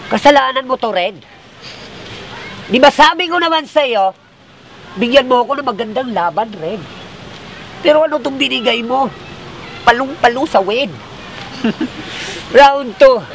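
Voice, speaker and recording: High-pitched, gap-toothed man battle rapping. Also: expressive, unhurried, creaky, long pauses, a little hiss or hum, poor audio. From Mindanao, Philippines. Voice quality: slurred speech from missing front teeth; nasal from sinus congestion. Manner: brash, profane, bantering. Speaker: battle rap contestant. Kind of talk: battle rap delivery, loud taunting.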